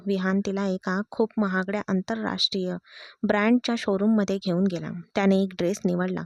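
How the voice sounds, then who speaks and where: A woman reading a story aloud in a steady, expressive way as a storyteller. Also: medium pitch, vocal fry, no echo, studio quality. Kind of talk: scripted story narration.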